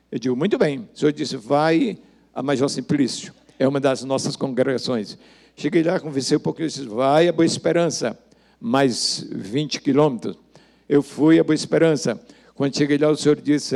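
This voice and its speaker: Older Brazilian male pastor, mellow and gravelly, acts out the dialogue while he tells the story. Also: medium pitch. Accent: Brazilian Portuguese. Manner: storytelling, acting out the dialogue of each person in the story. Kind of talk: sermon testimony.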